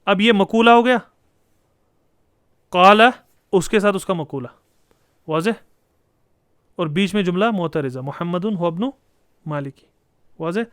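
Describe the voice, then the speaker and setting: A man's voice: sits high, pauses often, fairly bright tone, smooth, no room sound, studio quality. A man giving a classroom lecture on Arabic grammar, explaining step by step and posing rhetorical questions to his students. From Kashmir.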